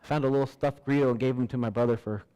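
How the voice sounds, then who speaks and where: A man hosting a church trivia night, reading questions slowly, counting down and laughing at himself. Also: mid-range voice, fairly even intonation, crowd noise. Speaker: trivia host. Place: church hall. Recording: large hall with long reverb.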